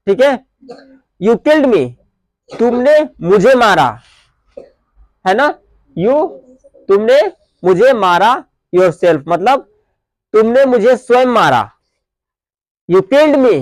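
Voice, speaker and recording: A man's voice: sits high, no echo, clean studio sound. A male grammar teacher giving a classroom lesson who keeps asking questions and answering them himself, mixing Hindi and English. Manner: dictates definitions slowly word by word.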